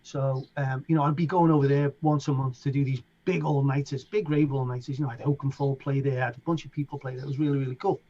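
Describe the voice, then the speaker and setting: A middle-aged DJ and producer from Liverpool, England, tells stories in a casual interview, speaking fast in a mid-range voice with hardly any pauses. He's animated, acting out other people's lines in raised voices. The sound is dull and lo-fi with a little hiss or hum.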